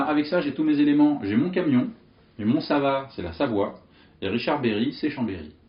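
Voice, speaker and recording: A man explaining memory tricks with lively, playful energy and vivid mental images. His voice sits in a middle register. The sound is slightly dull and roomy. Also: medium pitch. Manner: lively, animated, jokey storytelling with vivid images. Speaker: memory coach. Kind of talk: explanatory teaching monologue.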